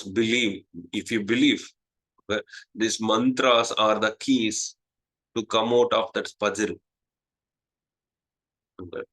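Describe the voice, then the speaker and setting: A man with an Indian English accent, whose first language is Telugu, hosting a casual spiritual talk and pausing often with "uh" and "okay". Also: fairly low pitch, a bit bright, rough recording. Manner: slow, halting, many "uh" and "okay". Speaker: astrologer, channel host.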